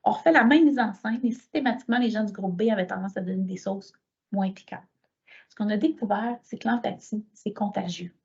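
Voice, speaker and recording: A woman's voice: medium pitch, a little fast, breathy edge, highs cut off. Quebec French woman telling lecture stories. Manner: lively storytelling, acting out dialogue. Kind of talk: conference talk.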